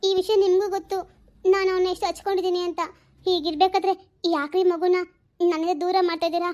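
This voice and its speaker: A woman's voice: level tone, quick pace, a little mellow. A woman playing a worried young mother who pleads and frets in a homemade family drama. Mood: pleading. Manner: tearful, pleading, high and thin. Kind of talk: amateur audio family drama.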